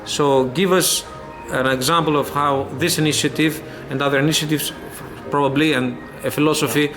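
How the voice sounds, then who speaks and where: Man from Greece as interviewer, a bit higher voice, long careful questions, music under him. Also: steady tone, moderate pace.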